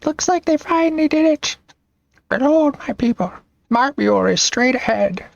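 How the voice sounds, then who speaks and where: A man voicing a gleeful, high-voiced male video game character in a squeaky falsetto. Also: expressive, moderate pace, gravelly, no echo, highs cut off, exaggerated voice.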